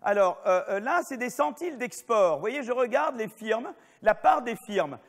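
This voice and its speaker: A middle-aged male professor lectures with a fairly high voice. He talks off the cuff, restarting sentences, checking that listeners follow, and slipping in wry asides about himself. The sound carries a long reverb from the hall. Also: animated, normal speed. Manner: digressive, many restarts and asides, checks in with "vous voyez"; jokey, self-mocking asides. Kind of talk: spontaneous university lecture.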